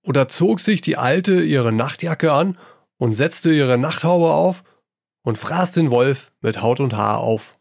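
A man giving a gruff, salty performed reading of a comic story, in the voice of an old sailor yarning to children. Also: mid-range voice, lively intonation, slow, no echo, clean studio sound.

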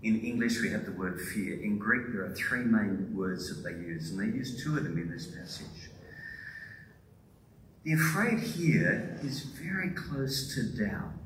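A man preaching a conversational sermon in a church, now and then acting out confused disciples with sudden high exclamations. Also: expressive, unhurried, a bit bright, a little hiss or hum. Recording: roomy echo, distant from mic, faint ambience.

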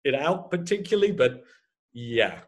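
A man's voice: medium pitch, sing-song, moderate pace. Brief: man in his fifties, ultra runner guest, chatty and self-deprecating, mid-range voice. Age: 50s. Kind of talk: casual chat.

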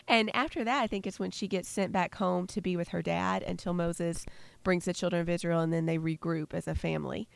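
A woman's voice: on the low side, fairly even intonation, brisk, gravelly, no room sound. A woman co-hosting a casual Bible podcast, chatty and playful, laughing often as she talks. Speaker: podcast co-host.

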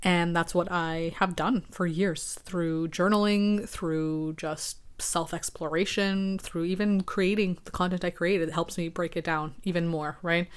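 A young woman with a slightly low voice hosts her own podcast, her throat raspy from allergies. She thinks aloud in a casual, reflective way, often checking in with a quick "right?" and restarting her sentences. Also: steady tone. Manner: thoughtful, frequent "right?" and restarts. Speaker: podcast host.

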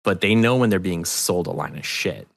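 In casual, opinionated interview chat, a podcast guest from New Hampshire in the US tells anecdotes emphatically, swearing frequently. He has a deep, expressive voice with vocal fry and a slightly rough edge, speaking at normal speed. The studio-quality audio has no echo.

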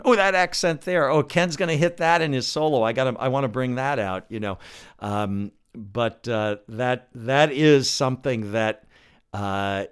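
A man's voice: mid-range voice, smooth. A man hosting an interview, talking thoughtfully in a casual way, often stammering over the start of a sentence. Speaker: host.

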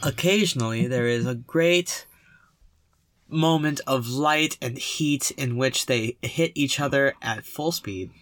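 A man's voice: medium pitch, takes it slowly, a bit bright, dry recording. A man co-hosting a casual podcast from inside a clothes closet, talking with a dry, wordy humor. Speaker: podcast co-host.

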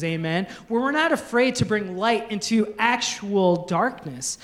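A woman pastor giving a sermon, telling stories animatedly and acting out the voices. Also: medium pitch. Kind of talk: sermon with storytelling.

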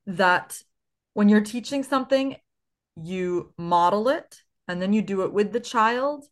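Animated woman chatting on a parenting podcast. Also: medium pitch. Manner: animated, laughs often, thinks aloud with fillers. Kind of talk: casual conversational podcast chat.

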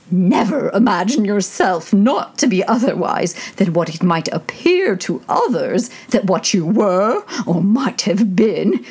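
A woman's voice: mid-range voice, darkish tone, husky, voice pushed up, exaggerated voice. A woman voicing a fussy old duchess who drags out her words pompously, as if moralizing. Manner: slow, drawn-out and pompous.

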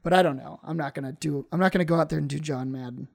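A man's voice: a little high, very fast, gravelly. A man, a stand-up comedian, chatting casually on a podcast, rambling with many fillers and restarts.

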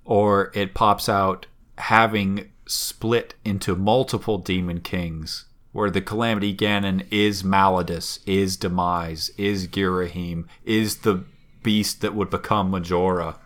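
A man co-hosting a casual podcast chat, animated, swearing casually and musing at length. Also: low voice, measured pace. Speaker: podcast co-host.

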